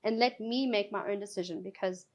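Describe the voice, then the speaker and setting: A woman's voice: mid-range voice, fairly quick, a little mellow. Enthusiastic woman guest talking shop. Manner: emphatic, enthusiastic, laughs easily. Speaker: regional sales director, guest. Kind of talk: casual interview chat.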